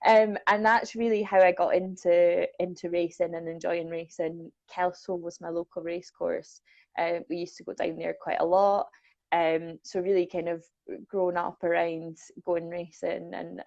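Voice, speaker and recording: A young Scottish woman from the Borders, who works as a welfare manager, chats casually and self-deprecatingly with plenty of ums. Her lowish, slightly mellow voice has no echo, and the recording sounds dull and lo-fi.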